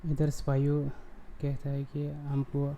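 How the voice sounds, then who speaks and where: A man with a dark, gravelly voice recaps a TV drama episode for his channel. He talks in a flat, even line, casually and haltingly, with frequent fillers and restarts. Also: fairly high pitch, muffled recording, slight background noise. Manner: halting, repetitive, with "uh" fillers and self-corrections.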